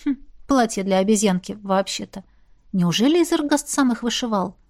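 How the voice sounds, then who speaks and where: A woman voicing a jealous, hot-tempered young male shapeshifter in an audiobook, gruff and needling. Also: mid-range voice, lively intonation, moderate pace, darkish tone, close to an everyday voice. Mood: mocking. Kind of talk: audiobook character reading.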